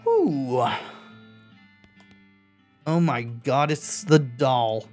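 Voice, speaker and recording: A woman's voice: deep voice, sing-song, normal speed, faint music behind. A woman playing a video game, reading its text aloud and adding casual commentary of her own. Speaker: video game player and narrator.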